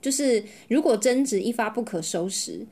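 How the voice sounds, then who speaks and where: A woman co-hosting a podcast, telling stories in an animated way and mixing in English words. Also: on the high side, normal speed, slightly rough. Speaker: podcast co-host. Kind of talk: casual chat.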